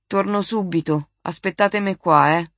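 A reader voicing Marcello, a brash young Roman street boy with a Roman accent, in an audiobook reading, talking in a cocky, quick, bantering way. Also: mid-range voice, creaky, a bit bright, no echo, pitched above the performer's own voice.

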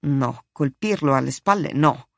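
A woman's voice: a bass voice, animated, unhurried, vocal fry, no echo, studio quality, pitched below the performer's own voice, heavily acted. A woman reading the part of a tense, troubled young man in a strained, nervous voice. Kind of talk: audiobook reading.

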